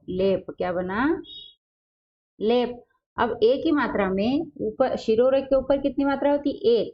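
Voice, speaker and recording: A woman teaching a grammar lesson to young children, asking questions and answering them herself and stretching out example words slowly. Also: medium pitch, lo-fi sound.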